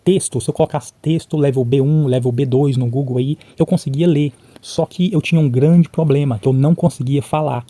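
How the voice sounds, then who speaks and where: Fast, dark-voiced chatty man. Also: mid-range voice, steady tone. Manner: chatty, frequent "tá?" and "né?" check-ins; replays conversations by imitating both sides. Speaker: vlogger. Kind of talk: casual talk to camera about learning English.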